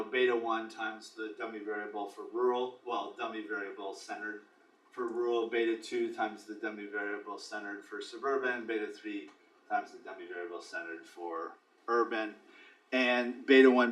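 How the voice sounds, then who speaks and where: A man's voice: fairly low pitch, fairly bright tone, distant mic. A man giving a statistics class lecture, explaining step by step with dry asides. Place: lecture hall. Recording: echoey classroom recorded from afar.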